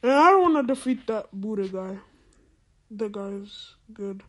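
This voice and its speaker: A gaming video host speaks through a voice changer that makes them sound female, at a mid-range pitch, expressively and a little slowly. The gameplay commentary is casual, full of exclamations, disbelief, slang and repetition.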